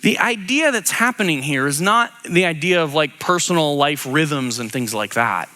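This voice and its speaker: A man preaching a conversational sermon, animated and acting out the voices he quotes. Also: a little high, moderate pace. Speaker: pastor.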